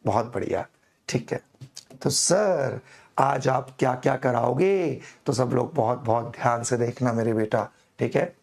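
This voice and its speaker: Man, hoarse gravelly voice, slow coaxing online teacher, very raspy. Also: medium pitch, a little mellow. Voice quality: gravelly, echoing double voice. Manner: slow, coaxing, calls students "beta", laughs at himself. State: hoarse from a throat infection. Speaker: chemistry teacher. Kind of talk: online live class.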